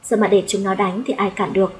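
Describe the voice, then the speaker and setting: Woman storyteller, audio story narration, steady middle-pitched voice, plain delivery. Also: brisk, a little hiss or hum, poor audio. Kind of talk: storytelling narration with character dialogue.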